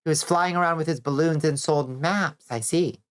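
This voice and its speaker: A woman's voice: deep voice, normal speed. A woman chatting casually with her chat as she plays a game, sounding nasal and stuffy from congestion, rambling and swearing now and then. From Georgia, US. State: stuffy nose. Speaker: vtuber streamer. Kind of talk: casual chat while gaming, reading chat.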